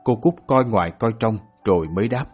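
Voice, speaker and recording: Male narrator, audiobook novel, steady storytelling, low voice, husky. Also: brisk, soft background music.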